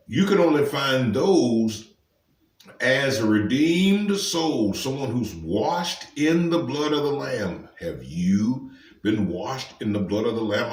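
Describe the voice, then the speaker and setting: A man's voice: medium pitch, reverberant, recorded from a distance. A man preaching informally to camera, emphatic and firing rhetorical questions at the listener. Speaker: street preacher.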